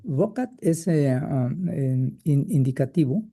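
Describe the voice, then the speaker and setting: A man's voice: on the high side, expressive, takes it slowly, creaky, dark tone, husky. A male student on a video call, reading and translating hesitantly with many "eh" and "ok" fillers.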